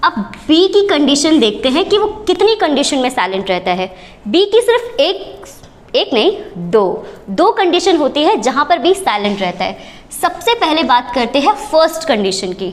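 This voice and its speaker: A woman's voice: high voice, big pitch swings, moderate pace. A woman teaching an English lesson at a board, spelling out letters one at a time and asking questions she then answers herself. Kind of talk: whiteboard lesson.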